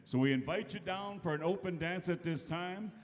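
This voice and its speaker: High-pitched male powwow emcee in booming arena. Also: moderate pace. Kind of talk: live event announcing over a PA. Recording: echoey arena PA, long reverb, loud music.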